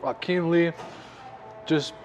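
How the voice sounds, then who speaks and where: A man's voice: fairly high pitch, steady tone, slow, lo-fi sound, a little hiss or hum. A young adult man hosting a casual interview in a restaurant, upbeat with lots of filler words. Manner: upbeat, filler-heavy, says like a lot. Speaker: host. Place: restaurant, indoors.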